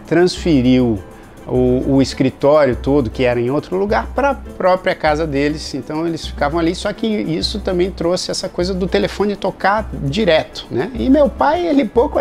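A man hosting and telling a funny family story in a casual, animated way, often laughing and filling with tags. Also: medium pitch. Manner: animated, laughing, many fillers. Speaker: host.

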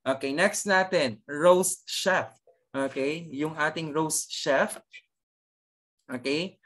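A cookery teacher with a Filipino accent leads an online lesson at a mid-range pitch. The delivery is chatty and conversational, checking in every few phrases, with repeated pronunciation drills for the class. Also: takes it slowly, a bit bright. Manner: chatty, checks in with frequent "okay" and "no?".

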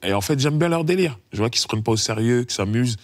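A middle-aged man from France, a rapper guesting on an interview, telling lively stories and acting out the dialogue. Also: mid-range voice, quick pace, dry recording. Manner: lively storyteller, acts out dialogue, chuckles often. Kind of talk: casual interview anecdotes.

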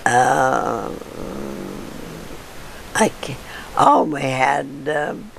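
An older woman being interviewed, telling old neighborhood stories in a halting way with fillers and chuckles. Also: extremely low pitch, big pitch swings, gravelly, slight background noise. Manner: halting storyteller with frequent laughs and fillers. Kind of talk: casual reminiscing.

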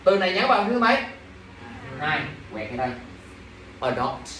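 Young male English teacher, high voice, quizzing the class, echoey room, mic well across it. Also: very animated, moderate pace, a bit bright, distant mic, a little hiss or hum. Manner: drills pronunciation, quizzes students, exasperated asides. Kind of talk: classroom English vocabulary lesson.

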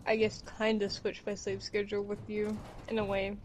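A woman's voice: medium pitch, completely flat delivery, moderate pace, over music, low-quality recording. A woman chatting casually with her partner while gaming, giggling and talking while she eats. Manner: giggly, talks while eating.

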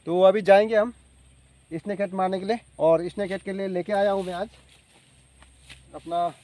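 A young man narrates his fishing trip in a chatty, high voice, talking straight to his viewers. He is outdoors beside a rural pond and speaks into a handheld camera. His delivery is relaxed vlog chat. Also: normal speed. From Assam, India. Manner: chatty, addresses viewers directly. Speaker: fishing vlogger.

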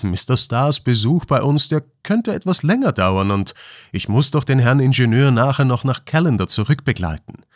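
A man's voice: medium pitch, big pitch swings, moderate pace, dry recording, clean studio sound, voice pushed up, close to an everyday voice. A man voicing an earnest young male miner who speaks plainly, in a storybook reading.

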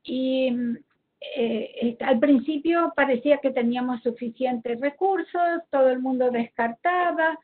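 Speaking a little slowly in a high-pitched voice, an Argentine woman with an Argentine Spanish accent presents slides at a seminar as a health professional. She joins via an online call with a tinny, phone-like sound, and she hesitates as she gropes for words.

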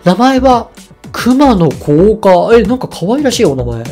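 A woman's voice: mid-range voice, sing-song, unhurried, mellow, soft background music. A woman reading a curt, busy office worker man. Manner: curt, dismissive. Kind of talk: reading game dialogue aloud.

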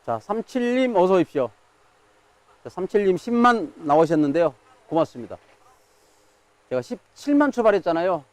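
A man's voice: high-pitched, big pitch swings, moderate pace, pauses often, no room sound. A man working as a live auctioneer, calling out bids, counts and sales in auction patter.

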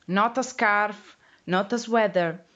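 A woman voicing a small, timid female mouse who speaks slowly and carefully in English, in a children's storybook reading. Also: medium pitch, fairly bright tone, highs cut off. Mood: insistent. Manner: slow, carefully spoken English phrases.

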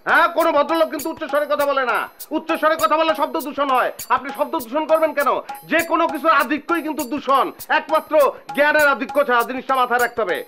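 A pompous know-it-all teacher. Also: male voice, extremely high pitch, fast talker, pushed and bright, soft background music. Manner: pompous, lecturing, keeps asking "understood?". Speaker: self-styled teacher lecturing at a tea stall. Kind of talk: TV comedy drama acting.

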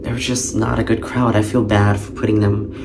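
Tired, gravelly young man vlogging. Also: fairly low pitch, little pitch movement, brisk, noisy background. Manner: chatty, complaining, stumbles and restarts. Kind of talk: casual wrap-up vlog.

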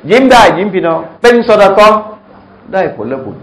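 A middle-aged man giving a lively sermon to a live audience, often asking them questions and joking. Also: high voice, fairly quick, poor audio. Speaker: Islamic lecturer. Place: restaurant hall, live audience.

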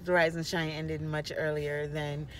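A woman's voice: deep voice, little pitch movement, measured pace, a bit bright. A tipsy woman in her thirties chatting and ranting casually into a phone inside a car. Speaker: event vlogger. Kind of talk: casual chat, rant. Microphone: phone at arm's length. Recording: faint background noise.

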